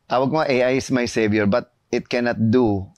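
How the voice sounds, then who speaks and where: A man with a Filipino accent, an animated and emphatic voice actor guest chatting in an interview. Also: mid-range voice, normal speed, dry recording. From Philippines. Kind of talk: casual interview chat, Tagalog-English mix.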